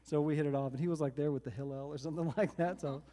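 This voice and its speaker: High-voiced Texan man telling stories on stage. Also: steady tone, mellow, in a large hall. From Texas. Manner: chatty storyteller, quick bursts with laughs. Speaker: musician performing at a service. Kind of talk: casual stage banter between songs. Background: guitar music.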